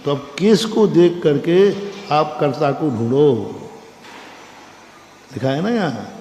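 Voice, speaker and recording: Male monk teacher, higher voice, conversational religious lecture, echoey hall with faint noise. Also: animated, slow pace, warm tone. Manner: quizzes listeners with frequent questions; conversational, repeats key phrases. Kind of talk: classroom-style religious lecture.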